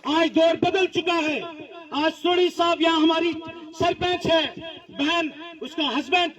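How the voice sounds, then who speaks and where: With an extremely high pitch, fairly even intonation, and an unhurried pace, a man speaks before a public gathering at a political rally. Emphatic, repetitive phrasing fills the speech, recorded in dull lo-fi quality with crowd noise.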